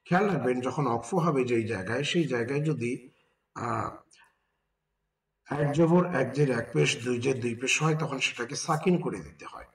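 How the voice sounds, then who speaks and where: A man teaching Quran recitation step by step, slowly spelling out and repeating the Arabic words. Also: mid-range voice, recorded from a distance. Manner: slow, drawn-out spelling and repetition of Arabic words.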